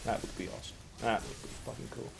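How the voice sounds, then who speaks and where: A man chatting casually about video games with a sarcastic streak and sudden loud outbursts while he plays. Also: on the low side, fast talker, creaky, noisy background. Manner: excitable, sarcastic, bursts into loud shouts. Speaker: co-host playing a game. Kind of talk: casual gaming chat.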